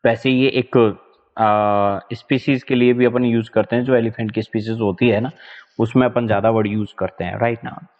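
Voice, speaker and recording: A man teaching English vocabulary in an online exam-prep lecture, spelling words letter by letter and stretching out his example sentences while he keeps asking if it is clear. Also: on the low side, steady tone, normal speed. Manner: keeps checking in with "right na" and "is that clear". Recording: tinny, phone-like sound with a long hall echo.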